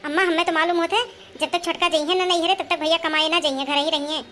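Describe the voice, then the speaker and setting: A woman's voice: very high voice, fairly even intonation, quick pace, sharp tone, slight background noise. A woman playing a complaining elder daughter-in-law. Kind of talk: comedy skit acting.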